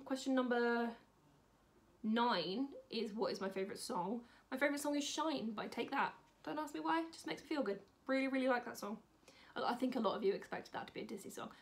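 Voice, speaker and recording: A chatty woman of twenty-five, answering questions to camera in a casual book vlog, with dry sarcastic humour. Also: fairly high pitch. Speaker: book vlogger.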